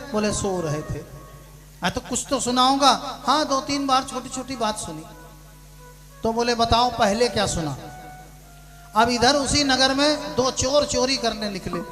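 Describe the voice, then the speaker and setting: Man, preacher, high voice, parable storytelling, music behind. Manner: shifts between hushed storytelling and loud shouted punchlines. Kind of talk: sermon storytelling with acted dialogue.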